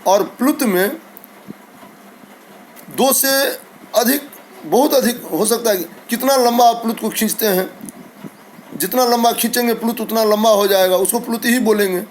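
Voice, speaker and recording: A man's voice: very high voice, moderate pace, long pauses, slight background noise, low-quality recording. A man teaching a lesson to school students, patiently reciting letters one by one and speaking to his pupils kindly. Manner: addresses pupils warmly, sends blessings.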